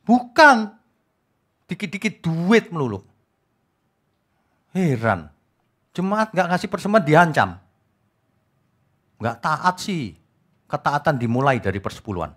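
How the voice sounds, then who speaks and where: A man preaching an evening prayer sermon as pastor, with a mocking, lively manner. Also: sits high.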